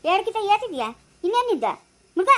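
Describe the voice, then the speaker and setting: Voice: very high-pitched, very animated, fairly quick, darkish tone. A girl playing a fretful village babysitter. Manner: fretful, complaining. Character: flustered village woman babysitting a crying child. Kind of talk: family skit acting.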